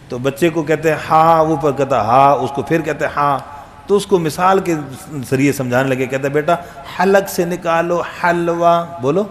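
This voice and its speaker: A man teaching a Quran recitation lesson, quizzing the students and calling out letter sounds loud and long. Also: medium pitch, slight background noise. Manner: drills letters aloud, loud and drawn out; asks students questions, jokes. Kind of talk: classroom tajweed lesson.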